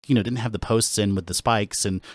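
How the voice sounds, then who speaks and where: A man's voice: on the low side, fairly even intonation, fairly quick, no room sound. A man co-hosting a casual podcast, talking in an enthusiastic, rambling way with lots of restarts. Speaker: podcast co-host. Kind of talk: casual chat.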